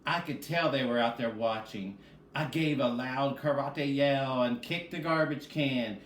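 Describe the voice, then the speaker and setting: Speaking at medium pitch and a measured pace, a man teaches reading to children in a read-aloud session. He talks directly to them, asking and then answering his own questions, in an echoey room with a faint background hum of noise.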